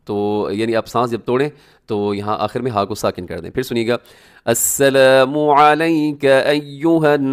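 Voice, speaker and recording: A man teaching prayer recitation as a religious teacher, chanting each phrase slowly and drawn out, then explaining his corrections briskly. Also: fairly low pitch.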